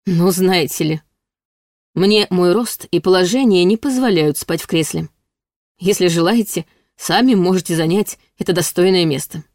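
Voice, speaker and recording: A woman's voice: fairly low pitch, normal speed, a little mellow, no echo, clean studio sound, close to an everyday voice. A woman voicing a smug, teasing male demon in a storybook reading, with a mock-sweet, drawling delivery.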